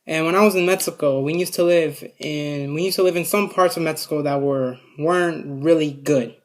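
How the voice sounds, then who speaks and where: Here is a casual, profanity-laced storytime: a vlogger speaking to a camera in front of them, wandering off track with frequent restarts and filler words. The voice is medium in pitch, steady in tone, and moderately paced.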